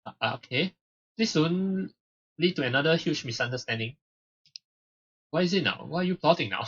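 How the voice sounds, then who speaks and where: A man's voice: on the high side, animated, normal speed, breathy edge, muffled recording. A man giving casual, exasperated commentary while playing a visual novel, ranting and laughing. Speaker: let's play host. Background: loud game music.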